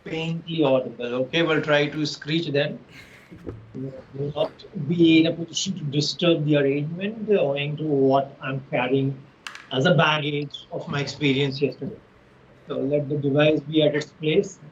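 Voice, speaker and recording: A man's voice: a little high, steady tone, moderate pace, dull audio, a little hiss or hum. A man with an Indian English accent teaching an online physics lesson in formal, roundabout phrasing.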